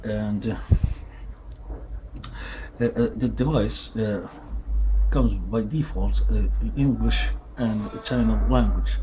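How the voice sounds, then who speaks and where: A man whose first language is Arabic speaks English in a casual product review vlog, talking about a tool in a workshop with many fillers and restarts. His voice is fairly low and his pace slow. The background is noisy.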